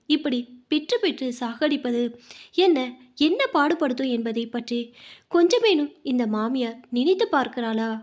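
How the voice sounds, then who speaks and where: A woman's voice: high voice, darkish tone, dull audio. A woman voicing a grieving, pregnant young daughter-in-law who pleads through tears. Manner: pleading, tearful.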